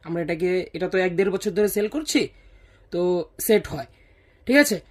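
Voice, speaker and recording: A seller with a husky voice giving a casual, explanatory product demonstration and often checking in with listeners. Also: mid-range voice, lively intonation, moderate pace. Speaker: product seller presenting a sales video.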